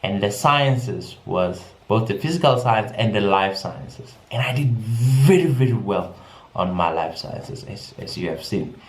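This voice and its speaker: A young South African man talks casually in a personal vlog, often repeating words as he goes. His voice sits on the low side, expressive and a little slow, and the recording carries an echoey room with music playing behind him.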